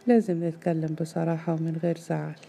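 Woman reading a gentle young suitor, measured and apologetic, low, dark, gravelly tone, storybook reading. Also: level tone, soft background music. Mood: earnest. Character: young man, calm, earnest suitor.

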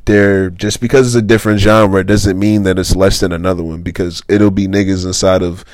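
A man co-hosting a podcast, telling stories in a relaxed, rambling way with lots of fillers. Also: low-pitched, brisk, no echo. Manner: laid-back, rambling storytelling with lots of fillers. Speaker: podcast co-host. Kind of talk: casual chat.

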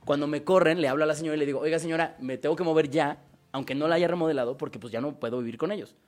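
Fast-talking Mexican man, slangy. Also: a little high. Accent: Mexican Spanish. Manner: fast slangy storytelling with swearing. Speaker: co-host. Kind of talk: casual chat.

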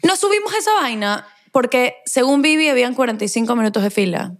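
Una mujer joven cuenta su versión de la historia en una charla de pódcast, insistente y a la defensiva. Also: female voice, fairly high pitch, animated, fast talker. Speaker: podcast co-host. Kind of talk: casual chat.

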